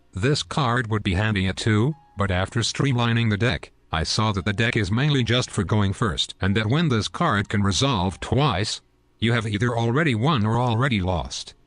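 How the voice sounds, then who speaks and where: A man's voice: on the low side, a bit bright. A male text-to-speech robot voice steadily reading out a scripted explanation of a card game deck.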